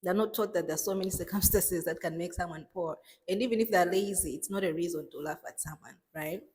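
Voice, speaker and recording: A woman's voice: lowish voice, a little fast, darkish tone, slightly rough, long reverb tail. A young woman from Malawi talking casually to camera, chatty and emphatic, often laughing and repeating words for emphasis. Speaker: vlogger. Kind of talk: casual vlog monologue.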